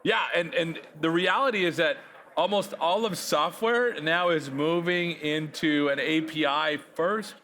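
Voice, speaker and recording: A man's voice: fairly high pitch, measured pace, pushed and bright, slight background noise. A man hosting a casual tech interview, chatty and jokey as he asks questions. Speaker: host. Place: conference studio set.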